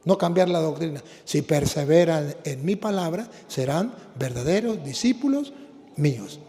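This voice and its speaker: Emphatic priest preaching. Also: male voice, a little high, animated, normal speed, mellow, long reverb tail, a little hiss or hum. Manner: emphatic, repeats lines for the congregation. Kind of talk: sermon.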